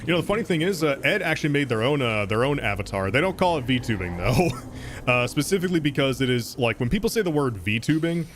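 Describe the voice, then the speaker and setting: During a casual gaming stream, a man speaks quickly in a sing-song, mid-range voice, with slight background noise. He chats with his viewers, reads and thanks donations, and laughs often. His talk rambles, with lots of fillers and false starts.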